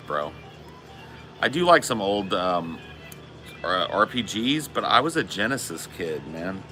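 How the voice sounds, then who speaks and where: Low-voiced laid-back man in his forties. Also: pushed and bright. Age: 40s. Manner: laid-back, slangy, swears a lot. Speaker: streamer reading chat. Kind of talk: casual live-stream chat.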